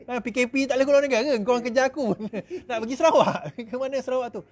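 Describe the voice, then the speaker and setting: A middle-aged man with a Malaysian accent, giving an animated speech to supporters, mimicking others in quick asides and laughing often. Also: extremely high pitch. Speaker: politician speaking to supporters.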